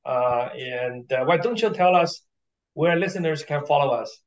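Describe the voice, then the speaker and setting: A man co-hosting a podcast in casual, somewhat halting unscripted speech. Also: a little high, dull audio. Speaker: podcast co-host.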